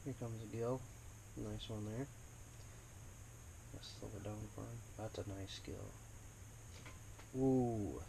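A man vlogging while ice fishing on a frozen lake, talking quietly to himself and the camera as he fishes, with sudden excited bursts. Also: lowish voice, takes it slowly, vocal fry, pauses often, noisy background. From Wisconsin. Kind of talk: casual narration while fishing.

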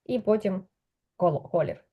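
A woman's voice: medium pitch, animated, moderate pace, breathy edge, highs cut off. A woman teaching Spanish in a patient one-on-one lesson, explaining step by step and checking with questions.

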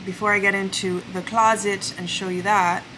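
This lifestyle vlogger, a woman in her twenties, has the flu and sounds congested as she chats casually to camera indoors at her bedroom vanity. She tells stories at a normal speed, peppering them with "like," in a medium-pitched voice that moves little in pitch, and there's noise in the background.

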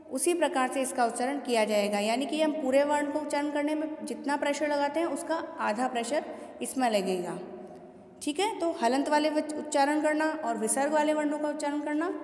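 High-voiced woman teaching in an echoey room. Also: a little mellow. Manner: patient, repeats words slowly and asks students questions. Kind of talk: classroom lesson explaining Sanskrit pronunciation. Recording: echoey room with long reverb.

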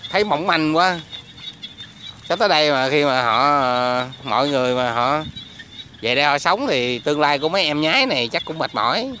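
A man's voice: fairly high pitch, animated, normal speed, pushed and bright. A man vlogging outdoors on a rainy afternoon, chatting to his viewers and recording on a phone. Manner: chatty, addresses viewers constantly. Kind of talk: casual outdoor vlog commentary. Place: outdoors in rain at a quiet resettlement area. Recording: light rain and frog noise outdoors. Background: rain and frogs croaking.

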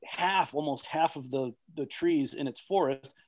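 A man's voice: on the high side, measured pace. A man speaking on an online expert panel over a video call, rambling with many fillers and restarts.

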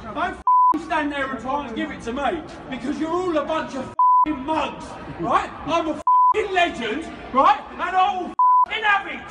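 A man's voice: extremely high pitch, wildly swooping pitch, a little slow. A drunk man rants in public, belligerent, boastful, repetitive and foul-mouthed, recorded from a distance in a big station hall. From England. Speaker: rowdy drunk passenger. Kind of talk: aggressive public ranting. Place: large indoor railway station concourse. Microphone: bystander's phone at a distance. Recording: echoey crowded hall, distant noisy phone recording.

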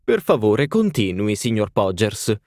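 A man voicing an elderly society duchess, smug and complacent, with a raised and drawn-out delivery. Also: sing-song, darkish tone, no room sound, studio quality. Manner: raised pitch, drawn-out phrasing. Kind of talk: audiobook reading.

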